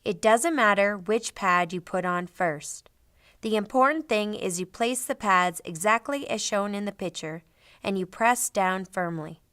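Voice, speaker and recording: A middle-aged woman narrating a scripted training demonstration in a clearly enunciated, instructional manner. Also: medium pitch, unhurried, fairly bright tone, dry recording, studio quality. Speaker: instructor, presenter.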